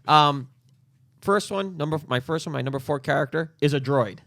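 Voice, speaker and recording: A man's voice: on the high side, moderate pace, creaky, a bit bright, no echo, studio quality. A man co-hosting a podcast, chatting casually and enthusiastically, with frequent ums. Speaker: podcast co-host. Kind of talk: casual chat.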